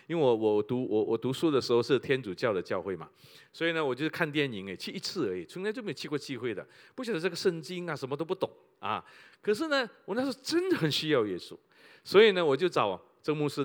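A pastor preaching a sermon, full of rhetorical questions and repeated phrases. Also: male voice, mid-range voice.

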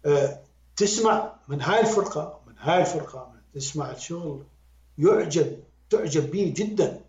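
A man with an Iraqi accent, a music critic and podcast guest, talking in an animated, emphatic way and repeating words to drive his point home. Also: on the high side, moderate pace. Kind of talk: conversational critique. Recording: roomy, dull lo-fi sound.

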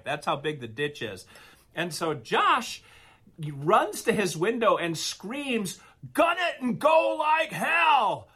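A man co-hosting a podcast, telling a long story in a casual, animated, rambling way. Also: a little high, breathy edge. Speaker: podcast co-host.

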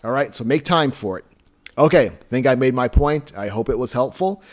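A man's voice: medium pitch, animated, brisk. A middle-aged man talking casually and earnestly as a solo podcast host, in an encouraging way. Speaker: podcast host and tango teacher.

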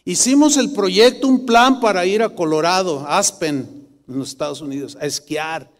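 Middle-aged male pastor, higher voice, emphatic sermon delivery, long hall reverb. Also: moderate pace. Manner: animated preaching, rising to emphatic bursts.

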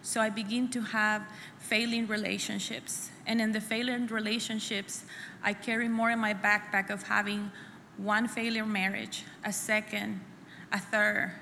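A middle-aged woman from El Salvador shares her personal testimony at a church women's conference, earnest and halting, often repeating phrases. Her mid-range voice is flat in delivery, gravelly, bright, and forceful, heard in an echoey hall with faint room noise.

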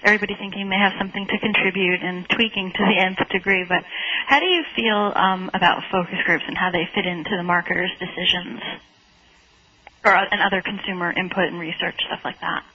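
A woman's voice: mid-range voice, steady tone, a little fast, pushed and bright, slightly rough. A woman calling in to a radio show over a clipped phone line, asking politely and tentatively. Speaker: radio call-in caller.

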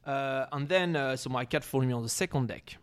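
A man's voice: medium pitch, fairly quick, clear, resonant tone. Rambling man telling a story. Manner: rambling, many fillers, acts out quotes in shouted voices. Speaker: storyteller on a chat show. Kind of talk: casual anecdote telling.

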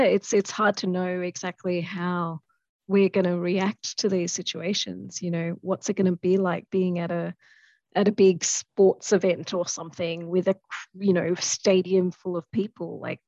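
A hoarse woman, her voice low and gravelly as she loses it, talks things over thoughtfully as a podcast guest. She fills her speech with fillers and restarts. The recording is dry and dull, with a lo-fi sound. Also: fairly even intonation, unhurried, darkish tone, no room sound. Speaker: podcast guest, in-house lawyer. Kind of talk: casual interview conversation.

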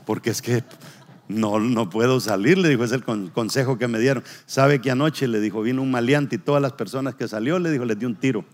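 A man's voice: medium pitch, a little fast. A male pastor preaching a sermon, telling a story and acting out each character's lines. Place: church. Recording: long reverb of a church hall.

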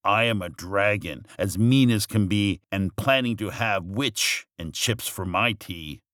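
A man's voice: lowish voice, unhurried, a bit bright, no echo, clean studio sound. A man voicing a mean, boastful dragon in a bedtime story. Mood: menacing. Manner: stammering when scared.

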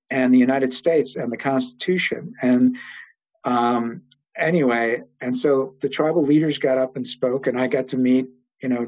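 An older man, an interview guest, telling long stories in a rambling way with many pauses and fillers. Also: medium pitch, darkish tone, breathy edge, poor audio. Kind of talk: oral history storytelling.

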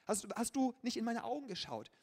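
A man reading out the part of a loving father pleading gently with his son. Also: very high-pitched, big pitch swings, brisk, voice pushed up, full character voice. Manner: pleading and emphatic.

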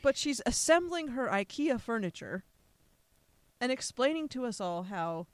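A woman's voice: fairly high pitch, big pitch swings, unhurried, no echo. A woman hosting a casual podcast, chatty and sarcastic. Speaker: podcast host.

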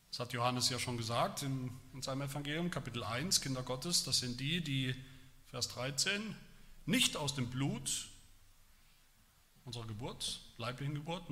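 A man preaching a sermon, emphatic, rising loud when he quotes. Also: medium pitch. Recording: long hall reverb.

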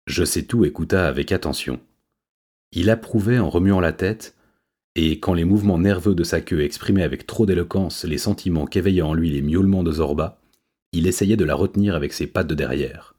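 A man reading a story aloud in a steady, measured way. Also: low voice, breathy edge. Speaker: narrator.

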